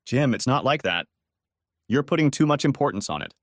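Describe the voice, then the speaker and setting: A man doing a gentle, insistent woman friend, her voice raised in pitch and swinging up and down as she tries to calm someone. She sounds soft but firm, apologetic and pleading, and the recording is dry and close. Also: fairly quick, no room sound, close to an everyday voice. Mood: soothing.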